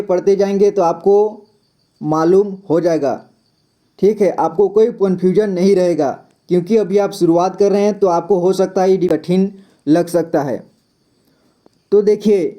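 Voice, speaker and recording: A man leads a casual spoken reading lesson at a slow, patient pace. His voice is very dark and mellow. He says each word again and again, spells it letter by letter and keeps checking in with a quick "okay.". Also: high-pitched. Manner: patient, repeats words and spells them letter by letter; fills gaps with a frequent 'okay'. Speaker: teacher.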